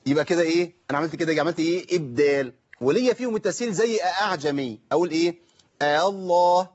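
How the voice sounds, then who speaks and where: Male tajweed teacher, Egyptian Arabic accent, fast and raised in pitch, questions himself while he teaches, dull lo-fi recording. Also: a little mellow. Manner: explains by asking himself questions, then demonstrates slow, drawn-out recitation. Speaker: Quran recitation teacher. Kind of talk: tajweed lesson answering viewer questions.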